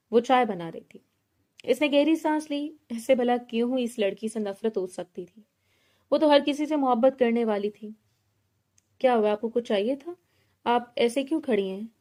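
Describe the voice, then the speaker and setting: Woman reading a romance novel out loud, kinda high voice but soft and mellow, does all the characters herself. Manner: reads every character's lines in her own voice, lightly acted. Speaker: novel narrator.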